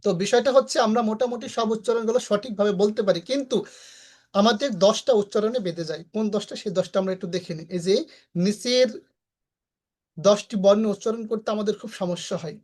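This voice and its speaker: A woman's voice: medium pitch, darkish tone. Patient Bengali-speaking woman teaching English. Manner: patient, repeats words slowly for students. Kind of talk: online class lesson.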